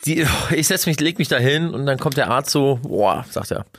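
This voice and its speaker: A man, co-hosting a casual podcast, telling a story in a lively, crude way with swearing and laughter. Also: fairly high pitch, a little fast, no room sound, clean studio sound. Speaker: podcast co-host.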